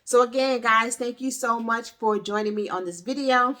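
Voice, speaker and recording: A woman's voice: a little high, moderate pace, pushed and bright. A woman speaking casually and directly to viewers as a tax professional, frank and persuasive, urging them to act and checking in with "okay?". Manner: punctuates points with "okay?". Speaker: tax professional hosting an explainer video.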